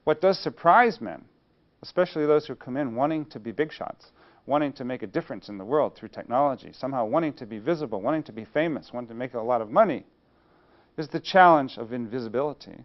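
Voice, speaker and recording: A man's voice: mid-range voice, dull audio. A man giving a university lecture on engineering, posing questions and answering them himself. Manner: rhetorical, poses questions then answers them.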